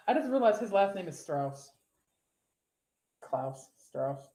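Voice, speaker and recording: A woman with a mellow, medium-pitched voice co-hosts a casual live-stream show, reading viewer comments aloud and rambling between them. She swears freely, laughs easily, and her voice echoes around the room.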